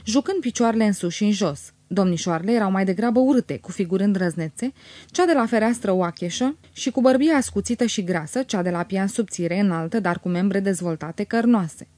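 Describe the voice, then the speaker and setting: A woman narrating a literary audiobook with a mellow, warm tone. Her reading is measured and expressive, and it sounds dry and close to the mic with no room around it. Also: medium pitch, dry recording.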